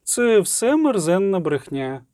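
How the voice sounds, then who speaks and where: A man's voice: sits high, big pitch swings, mellow, dry recording, studio quality, exaggerated voice. A man doing a cold, stately elder sorceress. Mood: cool, commanding. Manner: measured, stately, cutting.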